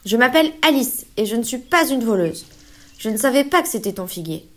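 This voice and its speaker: A woman voicing a friendly little girl in a children's storybook reading, eager and bright. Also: a little high, lively intonation, fairly quick, slight background noise. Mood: indignant.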